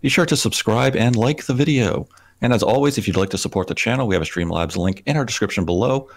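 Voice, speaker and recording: A man with a Southern accent hosts a gaming podcast in a polished, radio-ready voice. His pitch sits a bit low and steady. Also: fast talker. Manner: polished radio-style delivery. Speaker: podcast host. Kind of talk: casual podcast chat.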